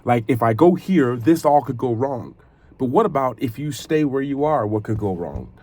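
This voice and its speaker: A man with a mid-pitched voice talks directly to his audience like a motivational video creator. His delivery is earnest and reflective. He stops and restarts phrases, repeating them for weight, and leans on rhetorical questions. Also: expressive, moderate pace, a little mellow. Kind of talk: motivational talk addressed to viewers.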